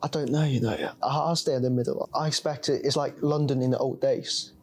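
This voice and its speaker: A young student from Hong Kong talking casually in a halting way, with many fillers. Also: male voice, medium pitch, steady tone, a little mellow, slight background noise. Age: young adult. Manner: halting, frequent fillers like "yeah". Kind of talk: casual discussion.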